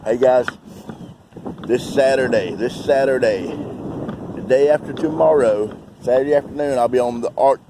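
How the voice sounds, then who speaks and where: A man vlogging outdoors by a lake, chatting and talking excitedly to his drone. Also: medium pitch, normal speed. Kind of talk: casual outdoor vlog. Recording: outdoor wind noise on mic.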